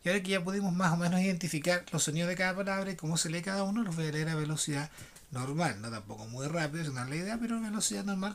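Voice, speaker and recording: A man teaching an English class online, switching between slow dictation of numbers and quick explanations. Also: on the high side.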